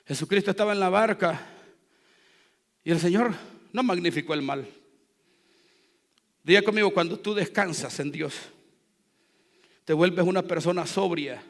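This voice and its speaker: A man preaching a sermon as pastor, leading the congregation in call-and-response and swinging between quiet asides and loud, fervent exhortation. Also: high voice, moderate pace, creaky, pauses often. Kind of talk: Spanish-language church sermon. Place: church sanctuary. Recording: long reverb of a church hall.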